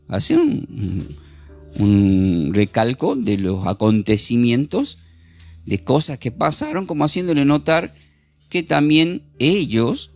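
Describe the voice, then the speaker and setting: A man's voice: mid-range voice, darkish tone. A man teaching a Bible class, earnestly reading scripture aloud with emphasis.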